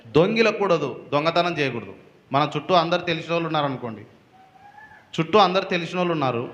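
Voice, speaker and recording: Man, pastor, sermon, rhetorical questions, slightly high voice. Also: fairly bright tone. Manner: rhetorical questions, rising to emphatic peaks.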